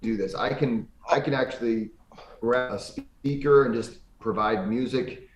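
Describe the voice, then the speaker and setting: A man's voice: mid-range voice, unhurried. A man from the Midwest hosting a group breathwork call, upbeat and enthusiastic, hesitant while sorting out plans. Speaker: session host. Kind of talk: casual group video call chat. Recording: roomy sound with faint background noise.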